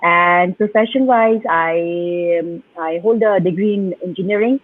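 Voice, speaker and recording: A woman from Pakistan answers interview questions earnestly, pausing on fillers. Her voice is husky and comes through a tinny, phone-like video call line. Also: lowish voice, no room sound. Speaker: guest. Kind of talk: live online interview.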